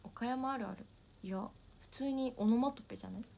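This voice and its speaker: A woman's voice: a little high, brisk, gravelly, warm tone, a little hiss or hum. A young woman idol, chatting casually and giggling as she answers viewer comments on a solo livestream. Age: young adult.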